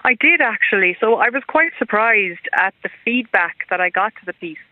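An Irish woman speaking as an academic guest in a radio interview, explaining things in a measured, formal way. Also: mid-range voice, lively intonation, dry recording. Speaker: guest expert, university lecturer. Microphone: telephone. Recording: narrow, tinny phone line.

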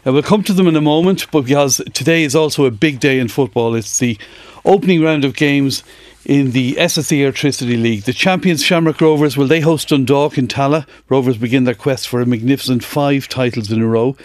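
A man's voice: medium pitch, fairly quick, no room sound. A man with an Irish accent presenting live radio sports news and interviews from a studio.

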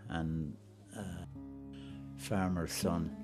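An Irish man in his late seventies, a former hurler and farmer, speaking in a halting way with many fillers. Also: deep voice, little pitch movement, over loud music. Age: 70s.

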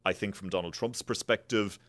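A man's voice: fairly low pitch, brisk, a bit bright, no room sound. An Irish man working as a journalist, giving political analysis and putting questions in a broadcast. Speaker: journalist interviewer.

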